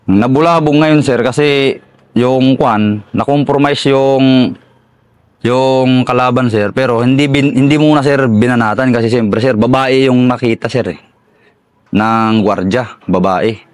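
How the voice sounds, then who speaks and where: A middle-aged Filipino soldier from the Philippines, telling a war story in an interview, deferential and halting with many fillers. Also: male voice, medium pitch, smooth, no room sound. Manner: deferential, says "sir" constantly, halting with fillers. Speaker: soldier recounting combat.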